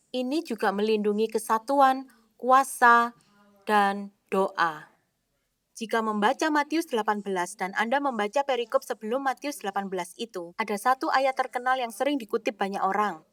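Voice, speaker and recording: A woman preaching a sermon in an expressive way, acting out the dialogue she quotes, recorded as a studio voice-over. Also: a little high, no echo.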